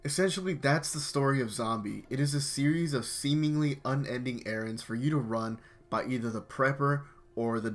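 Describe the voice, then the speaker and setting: Dry-voiced young man reviewing a game. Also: medium pitch. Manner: dry, dismissive critique. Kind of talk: scripted review narration.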